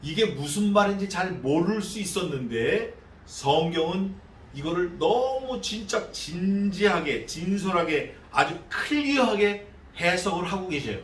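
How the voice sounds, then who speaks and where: A male pastor preaching an expository sermon in a church, animated and conversational, acting out the voices of the figures he speaks of. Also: high-pitched, unhurried, roomy sound, recorded from a distance, slight background noise. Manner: conversational, asks the congregation questions. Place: church sanctuary.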